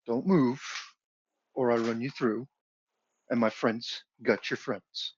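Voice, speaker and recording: A man voicing a tall, gruff, suspicious orc guard with a deep, stern voice, recorded over dull lo-fi online audio. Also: steady tone, slow. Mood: threatening. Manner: stern, interrogating.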